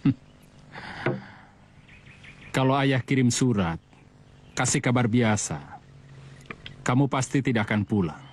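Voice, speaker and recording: A man's voice: mid-range voice, lively intonation, slightly rough. A stern old father. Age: older. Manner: measured, lecturing. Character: stern aging father, firm and traditional. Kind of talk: TV drama acting.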